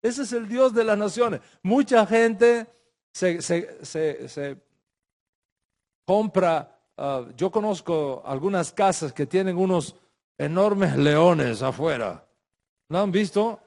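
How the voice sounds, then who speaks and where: In a religious class conducted in Spanish with Hebrew religious vocabulary, a middle-aged teacher speaks emphatically, restarting sentences and repeating phrases. He has a high, expressive voice with a darkish tone and a slow delivery.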